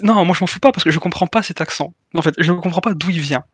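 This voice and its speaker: A man's voice: high voice, husky, no echo. A man playing in a quiz among friends who jokes and laughs often. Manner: jokey, quick, laughs often. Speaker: quiz contestant. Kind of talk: casual banter.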